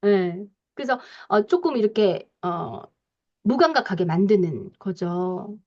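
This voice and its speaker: A woman parenting coach lectures slowly in a mid-range voice, lively and full of soft fillers, acting out parents' lines as she explains. The recording has its highs cut off.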